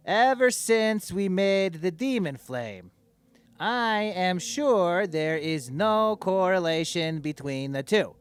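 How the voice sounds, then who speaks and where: High, smooth-voiced vain tyrant king played by a man, oblivious and deadpan in comic fantasy audio diary. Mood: deadpan, bemused. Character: vain, childishly oblivious male dark-lord dictator king.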